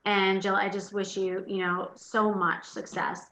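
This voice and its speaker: A woman's voice: mid-range voice, level tone, a little slow, fairly bright tone, reverberant. A woman hosting a webinar interview over a video call, effusive and thankful toward her guest. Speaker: webinar host. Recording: dull lo-fi call audio with faint noise.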